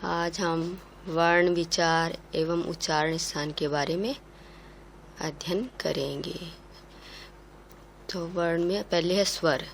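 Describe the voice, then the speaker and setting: Slow, careful woman teaching. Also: lowish voice, steady tone, gravelly, slight background noise. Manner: slow, careful, spells out each sound. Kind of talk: classroom lesson.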